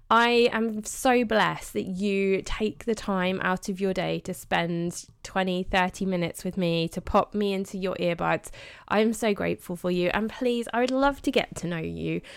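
A woman's voice: mid-range voice, clean tone. A middle-aged woman hosting a devotional podcast, speaking in a heartfelt, chatty way with many fillers. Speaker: podcast host.

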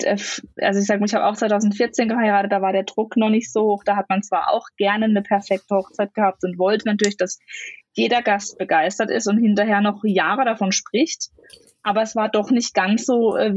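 A woman's voice: mid-range voice, no room sound, highs cut off. A woman in her thirties, a wedding planner, explaining things at length in a casual podcast chat, with many fillers. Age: 30s.

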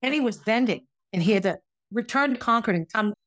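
A woman's voice: on the high side, lively intonation, a little fast, fairly bright tone, no echo. Middle-aged woman, candid and emotional, solo storytelling host, dry close sound. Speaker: podcast host, former teacher. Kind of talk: personal storytelling monologue.

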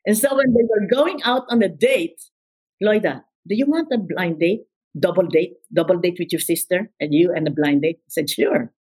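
Telling her life story in an interview, this older woman from the Philippines speaks with a Filipino accent and an emphatic manner, often repeating words and quoting what others said. Her lowish voice is a little mellow with a breathy edge, at normal speed. The audio is poor.

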